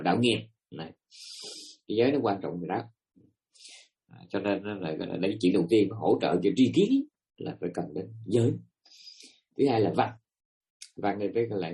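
A man's voice: fairly low pitch, gravelly, dark tone. A man giving a Buddhist dharma talk to listeners, emphatic and asking them rhetorical questions. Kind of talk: dharma talk to a live audience.

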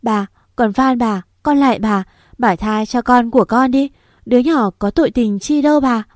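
A woman's voice: a little high, normal speed, darkish tone, dry recording, clean studio sound, voice pushed up, natural voice. A woman doing a sobbing young servant. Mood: pleading, tearful. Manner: choked, begging. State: crying. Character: young pregnant woman servant, pleading in tears.

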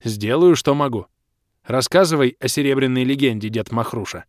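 A man voicing an impatient, brash young male adventurer who talks bluntly and shouts a lot. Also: mid-range voice, normal speed, dry recording, clean studio sound, natural voice. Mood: pushy.

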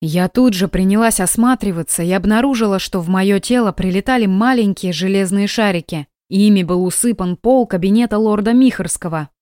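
A woman narrating a first-person audiobook in a lively, expressive way, close to a studio mic. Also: medium pitch, fairly quick, hardly any pauses, no echo.

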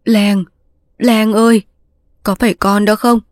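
A woman's voice: mid-range voice, level tone, takes it slowly, darkish tone, no echo, voice pushed up, lightly acted. A woman voicing an old man who keeps animals in the forest, calling out in alarm and grief in a storybook reading. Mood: urgent calling. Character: old male forest keeper, anxious and tender.

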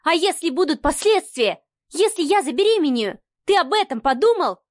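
A woman voicing a hot-tempered young woman who shouts in indignation, in an audiobook. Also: high-pitched, lively intonation, normal speed, dry recording, clean studio sound, pitched above the performer's own voice. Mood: indignant. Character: fiery young woman, quick to anger. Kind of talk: audiobook character voice.

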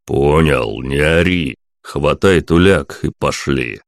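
A man doing a calm, polite detective. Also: extremely low pitch, slow, gravelly, dry recording, clean studio sound, voice pushed down, exaggerated voice. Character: adult man, cool-headed and smoothly polite detective.

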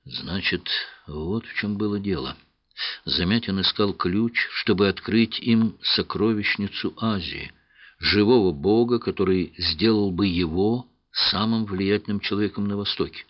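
A man voicing a puzzled, earnest young man who speaks haltingly in an audiobook. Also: on the low side, dry recording, muffled recording. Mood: slow realization.

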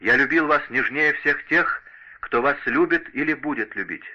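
A man's voice: medium pitch, normal speed, sharp tone, dull audio, pitched above the performer's own voice. Man reading as a heartbroken young nobleman. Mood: grieving. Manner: earnest, grieving, formal. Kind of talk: audiobook character reading.

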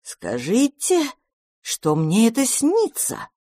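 Woman doing a big predatory storybook cat: slow, insinuating drawl, dry sound. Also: a little high, huge pitch swings, mellow, no room sound, voice pushed up, heavily acted. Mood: disdainful. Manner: drawn-out, insinuating. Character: huge grey mother cat, gloomy and predatory.

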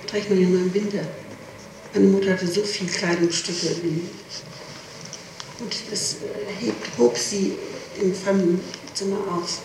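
A woman with a medium-pitched, darkish voice is questioned by a prosecutor in a formal interrogation, explaining herself and insisting on details as she repeats them. It's recorded on echoey archival tape in a reverberant room, with a distant mic and hiss.

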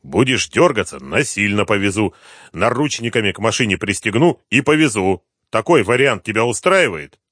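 A man reading an audiobook, voicing a brutal, gruff male police inspector who talks harshly and with threats. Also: fairly low pitch, very animated, moderate pace, a bit bright, no room sound, clean studio sound. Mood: threatening.

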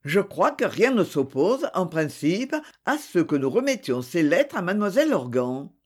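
A reader voicing a kindly male examining magistrate who speaks in a gentle, persuasive way. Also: medium pitch, sing-song, moderate pace.

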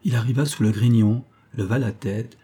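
A man reading an adventure novel aloud as an audiobook narrator, in steady, even storytelling. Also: medium pitch, moderate pace, breathy edge. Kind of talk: scripted narration.

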